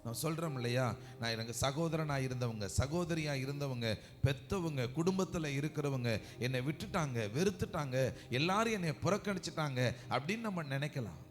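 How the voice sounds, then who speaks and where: Impassioned pastor in an echoing hall. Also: male voice, expressive, moderate pace. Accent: Tamil Nadu Tamil. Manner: call-and-response, urging the congregation to repeat lines; swings between loud exhortation and low intimate speech. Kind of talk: sermon. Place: church hall. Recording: reverberant hall with music behind.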